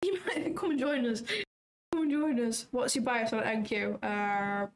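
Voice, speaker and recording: A woman's voice: fairly high pitch, measured pace, low-quality recording. A woman hosting a trading livestream, chatting casually, giggling and swearing freely. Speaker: livestream host and futures trader.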